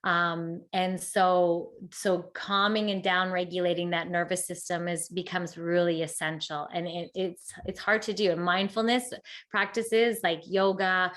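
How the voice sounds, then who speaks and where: A woman's voice: on the low side, little pitch movement, a bit bright. Passionate woman author, chatty. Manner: passionate, talks in quick bursts with many "like" fillers. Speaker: author and guest. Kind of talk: casual interview conversation.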